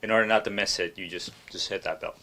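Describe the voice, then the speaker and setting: Bright-voiced man cracking wry jokes. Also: deep voice, steady tone, fast talker. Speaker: co-host. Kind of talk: joking news banter.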